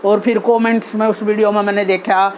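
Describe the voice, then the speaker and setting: A woman's voice: medium pitch, level tone, a little fast, darkish tone, a little hiss or hum. A woman with a Haryanvi accent hosting her channel, talking earnestly about social behavior with many fillers and restarts. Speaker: channel host giving advice. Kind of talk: casual talk on social behavior.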